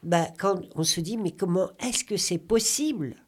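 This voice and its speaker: A woman from Corrèze in France talks as a radio guest. She tells a memory earnestly and with some animation. Her pitch sits on the lower side. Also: moderate pace, a little mellow, slightly rough. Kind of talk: conversational radio talk.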